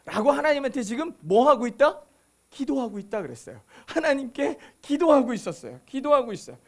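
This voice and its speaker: Very high-voiced man preaching. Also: sing-song, a little fast, creaky. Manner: emphatic, with repetition and rhetorical questions. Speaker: pastor. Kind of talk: sermon.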